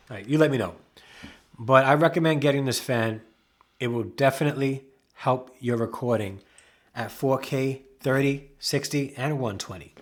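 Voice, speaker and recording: A man giving a casual product review, talking excitably with emphatic repeats and self-corrections. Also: mid-range voice. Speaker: camera reviewer.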